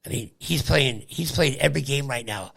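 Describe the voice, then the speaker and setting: A man's voice: medium pitch, moderate pace, vocal fry, a bit bright. An older man chatting casually about sports and history with his son, rambling, trailing off and laughing often. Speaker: guest, host's father. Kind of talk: casual chat.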